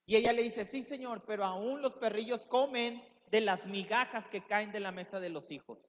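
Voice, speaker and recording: A man's voice: high-pitched, normal speed, a bit bright. A man giving a sermon as pastor, preaching with emphatic rises and acting out quoted voices. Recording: dull sound with long hall reverb.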